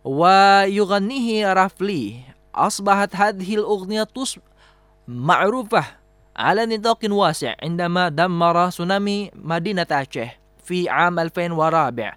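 A man's voice: high voice, animated, normal speed, fairly bright tone, clear, resonant tone, no room sound. A man presenting a radio programme, reading a prepared script. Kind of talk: scripted radio narration in Arabic.

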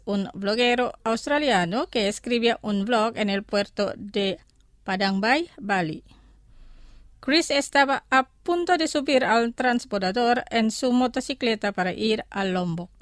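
A woman teaching a language lesson, speaking slowly and deliberately, repeating each word twice for listeners. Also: on the high side, no echo, studio quality.

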